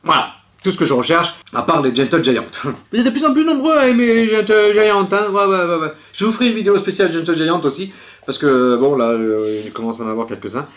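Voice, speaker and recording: Animated, exasperated man ranting. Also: on the high side, brisk. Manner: animated, exasperated, repeats words. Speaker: collector vlogger. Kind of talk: casual ranting vlog.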